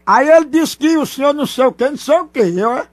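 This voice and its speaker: A man's voice: very high-pitched, animated, fast, a little hiss or hum. A man voicing a nervous, stammering male prank caller in a radio prank call. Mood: hesitant. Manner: stammering, hesitant, teasing.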